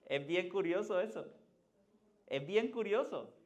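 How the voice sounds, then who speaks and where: Giving a conversational sermon at a measured pace, this high-voiced, animated pastor from Puerto Rico speaks with a Puerto Rican Spanish accent. He poses questions to the congregation and builds to emphatic climaxes.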